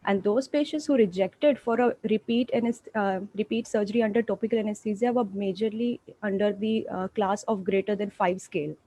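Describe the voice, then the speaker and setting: Polite doctor presenting, mellow and dry. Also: female voice, medium pitch, fairly quick, hardly any pauses, dry recording. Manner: polite, deferential, frequent self-corrections. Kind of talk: conference presentation and Q&A.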